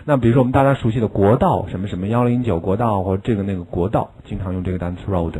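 A man teaching an English lesson in a recorded video class, explaining patiently with rhetorical questions and drilling each word by saying it slowly several times. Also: lowish voice, warm tone, breathy edge, poor audio.

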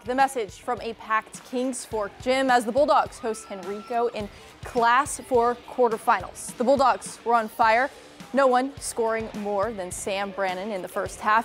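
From a television news studio, a young woman covering sports reads a scripted rundown of high school basketball highlights, keeping it upbeat and punchy.

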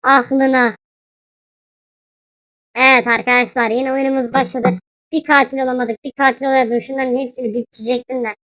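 A young woman with a high, bright voice talks playfully over her own gameplay, now and then shrieking when something startles her. The recording is dry and close, with no room sound. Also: little pitch movement, normal speed, long pauses, no room sound. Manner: playful, shrieks and yelps at scares. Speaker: gaming YouTuber. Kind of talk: casual gameplay commentary.

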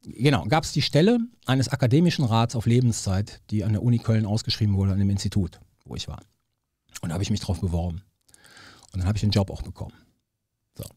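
A man in his fifties from Cologne, a political scientist guest in a studio interview, telling personal stories in a relaxed, animated way and acting out the people he quotes. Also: on the low side, fast, husky, no room sound. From Cologne, Germany. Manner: animated storyteller who acts out quoted voices. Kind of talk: casual storytelling interview.

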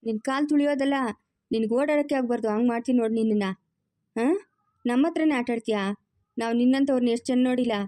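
Defiant cartoon hero, threatening, voiced by a woman, mellow dark tone, fast lines. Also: on the high side, dry recording, close to an everyday voice. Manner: threatening, challenging. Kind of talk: cartoon voice acting.

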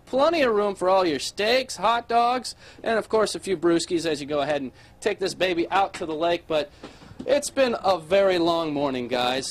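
A man's voice: sits high, a little hiss or hum. A young man reporting live for morning TV on an RV lot, holding a handheld mic and talking in an upbeat, chatty promo style. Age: young adult. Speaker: field reporter. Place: outdoors beside an RV on a sales lot, then inside the RV.

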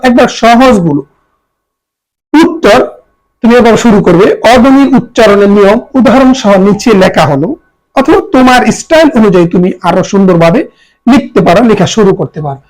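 A teacher giving a patient exam-prep grammar lesson, repeating each example word slowly. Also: mid-range voice, animated, a little mellow, poor audio.

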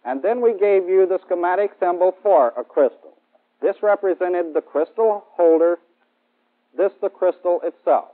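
An American man in his thirties, playing a military instructor in a 1960s training film, delivers a formal, methodical lecture at a moderate pace in a high voice. He's on an indoor studio set, and the band-limited old film soundtrack gives it a phone-like quality.

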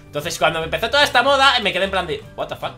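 Excitable young Spaniard shouting over gameplay. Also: male voice, sits high, rapid-fire, soft background music. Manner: excitable, bursts into shouts, self-mocking jokes. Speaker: gaming YouTuber. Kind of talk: live gameplay commentary.

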